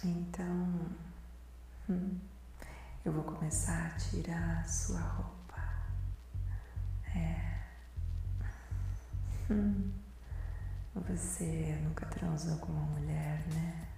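Slow Brazilian woman, ASMR role-play in your ear. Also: low-pitched, sing-song, dark tone. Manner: slow, breathy, sensual, murmured right into the ear. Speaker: host of an erotic audio podcast. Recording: very echoey voice over faint music. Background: music.

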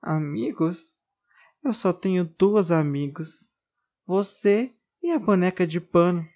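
A narrator voicing a shy, sad boy doll who sobs softly and hesitates as he speaks. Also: mid-range voice, big pitch swings, drawn-out words, pitched above the performer's own voice. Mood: choroso. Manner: fala baixinha e chorosa, hesitante. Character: boneco menino tímido, triste e chorão.

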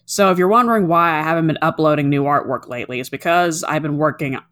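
A woman's voice: deep voice, fast talker, fairly bright tone. A woman co-hosting a casual podcast, explaining things in long, chatty run-on sentences. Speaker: podcast co-host.

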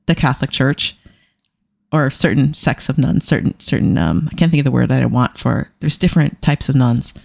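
A woman's voice: sits low, creaky, a little mellow, dry recording. A middle-aged woman hosting a podcast alone, chatting casually with irreverent, self-deprecating humour. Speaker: podcast host. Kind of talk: casual solo podcast talk.

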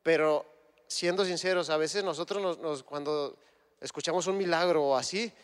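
Man, sermon, fairly high voice, smooth and clear, long hall echo. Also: normal speed. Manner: conversational, retells scripture with imagined dialogue. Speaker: guest preacher.

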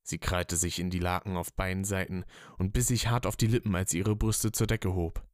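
A man reading a story as narrator in a steady, even manner. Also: sits low, fairly quick. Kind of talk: scripted narration.

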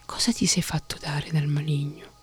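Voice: mid-range voice, little pitch movement, normal speed, husky, faint music behind. A whispering narrator voicing a wise, reproachful young man in a whispered role-play. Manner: whispered, questioning.

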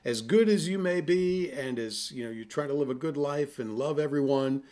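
A man's voice: mid-range voice, moderate pace, warm tone. A man co-hosting a podcast in casual chat, talking in a self-deprecating way and often laughing. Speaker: podcast co-host.

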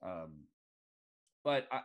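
Halting male podcast guest. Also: low-pitched, big pitch swings, fairly bright tone. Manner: halting, lots of fillers and restarts. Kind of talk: casual sports chat.

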